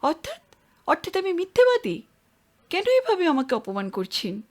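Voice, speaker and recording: A woman's voice: on the high side, expressive, moderate pace. A woman voicing a reserved young woman in an audio story, answering curtly and defensively. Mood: indignant. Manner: defensive, curt replies.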